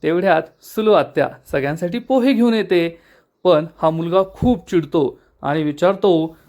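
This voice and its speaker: A man with a high voice narrates a TV serial episode in a casual, chatty retelling. He talks in a lively way and voices the characters as he goes. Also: normal speed.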